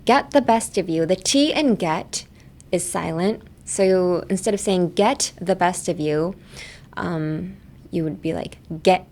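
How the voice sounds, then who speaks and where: A woman's voice: lowish voice, darkish tone. A young woman hosting a casual bilingual pronunciation lesson, playfully demonstrating sounds with repeated syllables. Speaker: English pronunciation coach.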